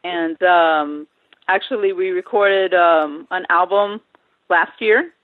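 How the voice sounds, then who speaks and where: A woman's voice: fairly low pitch, slow pace, dry recording. A woman talks over a tinny, phone-like line with a dry sound. She tells her stories casually, laughs often and slips into the voices of the people she quotes. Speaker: guest singer. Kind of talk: casual interview storytelling.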